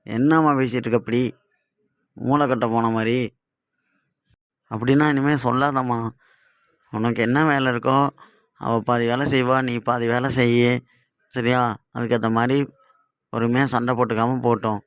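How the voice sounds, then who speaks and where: A man's voice: mid-range voice, flat delivery, moderate pace, long pauses, smooth, no echo, studio quality, lightly acted. A man voicing a young husband in a cartoon comedy who reasons with his mother and mildly scolds her. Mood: reasoning. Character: young husband and son, calm peacemaker who teases.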